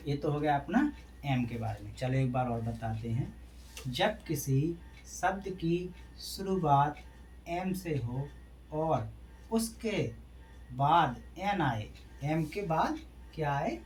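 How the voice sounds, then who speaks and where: Male teacher, classroom lesson, very slow unhurried delivery, asks then answers his own questions, spells letters one by one, faint background noise. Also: on the high side, lively intonation, darkish tone. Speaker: English teacher. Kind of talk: classroom lesson explained in Hindi.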